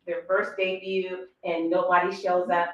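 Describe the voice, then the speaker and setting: A woman's voice: fairly low pitch, little pitch movement, unhurried, fairly bright tone, heavy reverb, far from the mic, muffled recording. A woman giving a motivational talk to her sales team, acting out quoted thoughts and laughing often.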